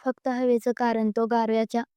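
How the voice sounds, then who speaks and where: A woman narrates a story in a steady, even read, her voice smooth and mellow. Her pitch sits fairly high but barely moves. The sound is close and dry. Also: fairly quick, no room sound. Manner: steady, even reading with occasional slips.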